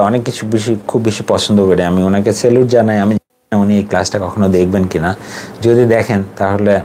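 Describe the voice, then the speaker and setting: Halting reflective Bangladeshi man in forties. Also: sits low, a little mellow, slight background noise. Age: 40s. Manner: reflective, halting, many fillers. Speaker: English teacher. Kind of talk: casual talk to students.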